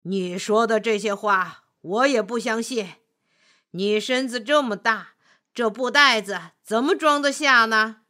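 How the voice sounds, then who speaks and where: Skeptical old farmer, firm and forceful, voiced by a woman. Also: a little high, a little slow. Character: shrewd old male farmer.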